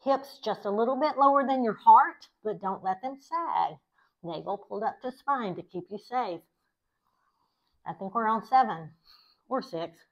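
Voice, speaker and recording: A woman yoga instructor leading a class in calm, encouraging, short step-by-step cues timed to the breath. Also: on the high side, unhurried. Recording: dull, lo-fi sound.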